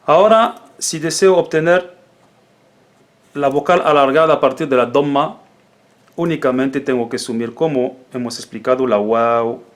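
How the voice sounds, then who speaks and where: A man whose first language is Arabic teaches the Arabic alphabet in a patient spoken lesson. He repeats each syllable slowly and drills it, speaking at a medium pitch.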